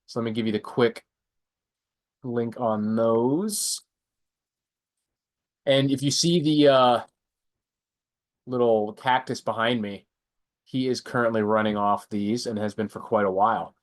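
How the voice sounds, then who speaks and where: The host of a prepper channel, a young adult man, speaks unhurriedly in a mid-range voice with fairly even intonation, pausing often. His voice is stuffy and congested as he rambles through product picks on a casual live stream, frequently correcting himself.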